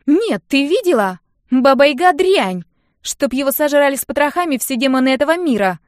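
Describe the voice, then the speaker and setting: A woman reading an audiobook voices a brash, sharp-tongued young woman friend who talks loudly and mockingly. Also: high-pitched, animated, moderate pace, no room sound, studio quality, pitched above the performer's own voice. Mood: indignant. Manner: loud, indignant, mocking.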